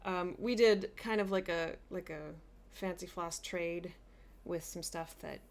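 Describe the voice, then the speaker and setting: Speaking in a fairly low, unhurried voice, a flosstube host casually chats her way through a haul on her craft vlog. She gushes with eagerness and frequently starts her sentences over.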